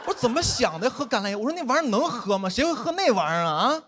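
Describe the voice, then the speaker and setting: Lively young man doing stand-up. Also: very high voice, rapid-fire, very noisy. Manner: animated, self-mocking punchlines. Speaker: stand-up comedian. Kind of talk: stand-up comedy set. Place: comedy stage before a live audience.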